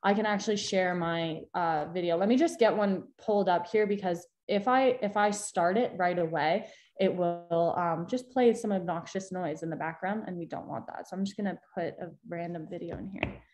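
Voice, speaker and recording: A woman's voice: on the low side, moderate pace, darkish tone. A young woman guest expert giving a chatty live tutorial over a video call, explaining step by step with frequent restarts. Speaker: social media guest expert.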